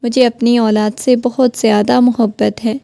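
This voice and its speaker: A woman's voice: on the high side, level tone, vocal fry, warm tone, dry recording. A woman reading the lines of a stern, defensive young husband in a firm, reasoning voice.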